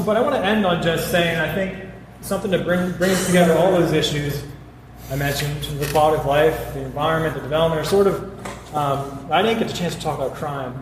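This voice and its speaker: Earnest man speaking in an echoey hall. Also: on the high side. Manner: earnest, fast, with restarts. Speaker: city council candidate. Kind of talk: debate speech. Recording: echoey hall with faint noise.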